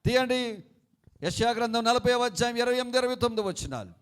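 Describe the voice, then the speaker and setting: A man's voice: very high-pitched, fast, clear, resonant tone. A man preaching a sermon as pastor, leading the congregation to repeat after him, telling homely stories and asking them questions. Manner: fervent preaching, leading a congregation in call-and-response and shouted prayer; asks listeners questions and tells homely stories.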